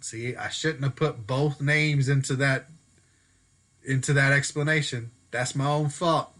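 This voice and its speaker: Bright-voiced casual male sports host. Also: medium pitch, steady tone, unhurried. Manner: casual, chatty, self-correcting. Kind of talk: solo sports commentary talk. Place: Denver.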